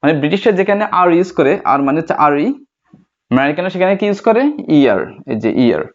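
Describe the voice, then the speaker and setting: A Bengali-speaking man teaching an English lesson, repeating each point slowly and asking and answering his own questions. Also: fairly high pitch, sing-song, dull audio. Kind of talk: classroom lesson.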